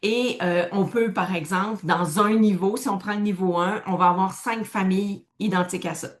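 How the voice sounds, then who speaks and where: A woman walks through a card game in a relaxed, explanatory way. She thinks aloud as she goes, with plenty of fillers and restarts. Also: mid-range voice, moderate pace. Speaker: presenter demonstrating a card game. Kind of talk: casual explanatory demonstration.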